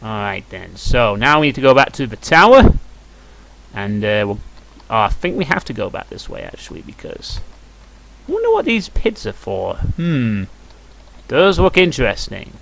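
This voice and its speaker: A let's play host with a mid-range, slightly bright voice offers casual video game commentary, musing aloud in a dryly critical way. Music plays behind him, and the audio is poor with a little background noise.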